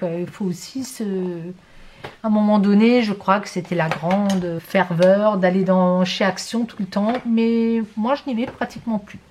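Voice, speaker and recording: A woman's voice: on the high side, a little mellow. A middle-aged woman, chatting casually to viewers about her shopping with many hesitations and fillers. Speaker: vlogger showing shopping purchases.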